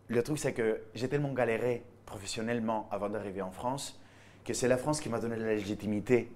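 Spanish-accented man answering questions. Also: medium pitch. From Spain. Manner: animated, restarts phrases, laughs easily. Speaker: actor guest. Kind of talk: interview answers.

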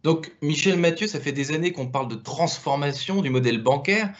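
A man's voice: fairly high pitch, fairly quick, lo-fi sound. A man hosting a video-call interview, hesitant and full of fillers and repeated words. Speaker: interview host.

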